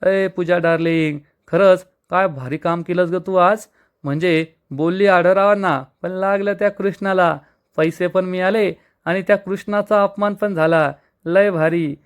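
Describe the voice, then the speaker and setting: A man's voice: high-pitched, fairly even intonation, measured pace, clean tone. A man reading the lines of a scheming, short-tempered young husband, swaggering and threatening. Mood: smug.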